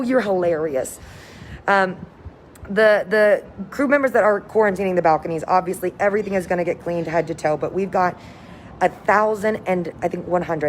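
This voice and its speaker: An upbeat cruise director, a woman with a slightly low-pitched voice, chats casually to her viewers on a livestream. She sounds enthusiastic and informal, and there is clear ambient noise behind her. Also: darkish tone. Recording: noticeable background noise, windy ambience.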